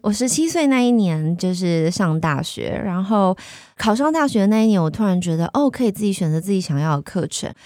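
A woman in her thirties with a Taiwanese Mandarin accent, a guest candidly telling her life story in a lively, animated way. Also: medium pitch, a little fast, no echo, clean studio sound.

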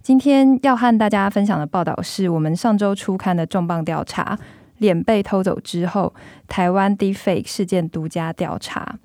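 A woman's voice: medium pitch, normal speed, dark tone, no echo, clean studio sound. A woman with a Taiwanese accent hosts a podcast as a journalist, speaking through a face mask. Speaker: magazine journalist hosting a podcast. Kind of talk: podcast hosting, semi-scripted narration and discussion.

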